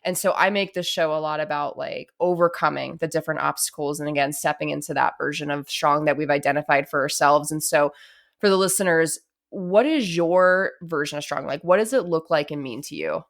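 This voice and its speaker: Encouraging woman podcast host, lowish voice. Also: a little fast, gravelly. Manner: warm, encouraging, many "like"s. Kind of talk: casual interview chat.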